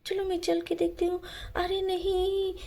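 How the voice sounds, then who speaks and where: A woman voicing a brave passerby who finds a crying baby and shouts a lion away. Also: very high-pitched, level tone, a little slow, creaky, heavy background noise, full character voice. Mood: alarmed. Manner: shouting, shooing.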